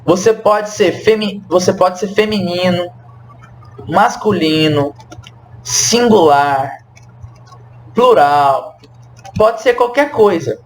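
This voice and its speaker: Young male teacher, high voice, unhurried delivery, repeats phrases, asks the viewer questions, faint hum behind. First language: Portuguese. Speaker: French teacher. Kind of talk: explaining a language lesson.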